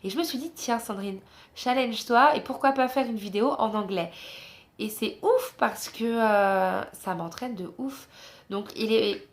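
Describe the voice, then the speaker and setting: A woman's voice: fairly high pitch, a little slow. A young woman from France talking casually to camera in a travel vlog, chatty and encouraging, with many fillers, filmed on a phone indoors in a guest room. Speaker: travel vlogger.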